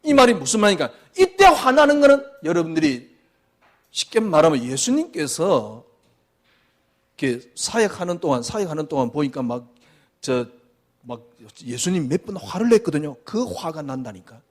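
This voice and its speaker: A male pastor delivering a sermon in a high voice that leaps up and down with great animation. He preaches with emphasis, posing rhetorical question after question. His delivery swings from near-shouts to hushed tones. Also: sing-song, moderate pace.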